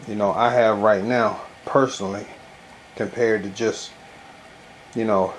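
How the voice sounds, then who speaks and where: A man talking casually and haltingly in a home product review, with a stuffy nose as if packed with gauze. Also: fairly low pitch. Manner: loose, colloquial, halting with frequent verbal tics. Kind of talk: casual rambling video review. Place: bedroom at home. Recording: noisy home recording, clear background noise.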